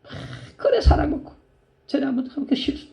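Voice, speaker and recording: A male pastor preaching a sermon, telling a story in a low voice and rising to high, pleading cries. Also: very animated, fairly quick, gravelly, warm tone.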